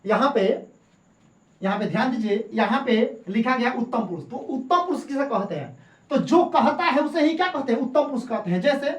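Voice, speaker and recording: A woman's voice: fairly high pitch, expressive, brisk. Lady teacher, bouncy up-down voice, keeps repeating stuff n quizzing then answering, echoey room. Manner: repeats points and asks rhetorical questions, then answers them. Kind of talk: classroom-style lesson.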